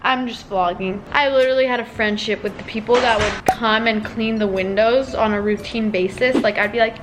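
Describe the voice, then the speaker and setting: Higher-pitched young-sounding woman vlogging casually. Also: fairly even intonation, moderate pace, background noise. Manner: exclamatory, slangy, teasing. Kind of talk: casual vlog chat.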